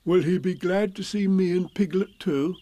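A man voicing a gentle, slow-witted, dreamy toy bear in a children's storybook, with a vague, drawn-out delivery. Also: high-pitched, no room sound, pitched above the performer's own voice, lightly acted. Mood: mildly curious. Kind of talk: children's storybook character reading.

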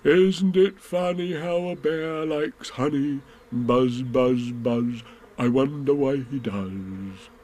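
A man voicing a slow-witted, earnest, honey-loving toy bear in a ponderous, drawn-out, musing way. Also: medium pitch, animated, darkish tone, breathy edge. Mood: singing to himself.

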